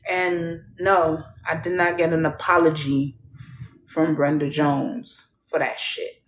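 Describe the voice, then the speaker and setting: A woman from Trinidad and Tobago with an American accent tells her own story to camera, bluntly, candidly and rawly, swearing and laughing wryly. Her voice is low-pitched and level, her pace slow. The audio is poor, with a roomy sound and a little hiss or hum.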